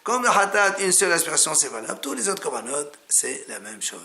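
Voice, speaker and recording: A man's voice: a little high, big pitch swings, a little fast, creaky, pushed and bright. A man teaching a Talmud class in French, explaining each step and repeating key words as he addresses the listener directly. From France.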